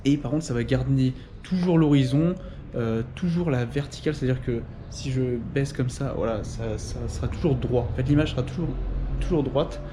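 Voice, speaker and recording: A man's voice: mid-range voice, normal speed, background noise. A young man casually demonstrating a gimbal, rambling with many fillers and restarts, outdoors in a small courtyard. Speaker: tech vlogger reviewing a gimbal. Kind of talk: casual demo talk.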